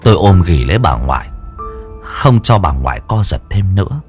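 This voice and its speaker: A man narrating a dramatic horror audiobook in an expressive storytelling manner. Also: deep voice, moderate pace, soft background music.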